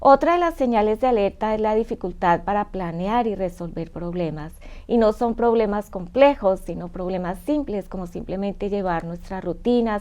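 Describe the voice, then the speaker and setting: A woman hosting an informational talk, explaining warning signs clearly and checking in with her listeners. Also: medium pitch, a little mellow. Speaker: host.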